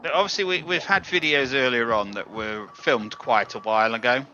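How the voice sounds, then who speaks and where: A man's voice: mid-range voice, a little fast, bright, forceful tone, dull audio, a little hiss or hum. A man casually hosting a live viewer contest, chatting politely and addressing people directly. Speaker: livestream host of a slot-machine contest.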